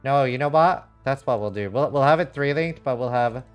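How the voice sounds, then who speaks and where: During casual live game commentary, this livestreamer reads chat and thinks out loud, frank and rambling, swearing now and then. He has a smooth, medium-pitched voice, talks fairly quickly, and faint music sits in the background.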